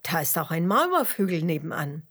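A woman's voice: on the low side, very animated, a little fast, full character voice. A woman voicing Fitus, a curious and friendly young adventurer in a children's story. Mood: helpful. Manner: bright eager greetings.

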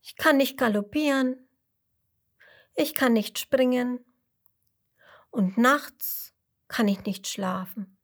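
A woman's voice: medium pitch, breathy edge. A woman voicing a young female hippo who believes she is a horse, speaking plaintively and often half-whispered, in a storybook read-aloud.

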